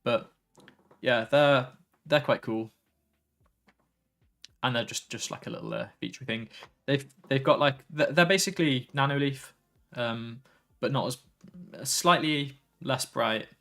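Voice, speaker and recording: A man chatting casually on a live tech stream, relaxed and a little tired, reading viewer comments aloud and drifting between topics. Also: medium pitch, unhurried, gravelly. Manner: relaxed, tired, easily sidetracked, reads chat aloud.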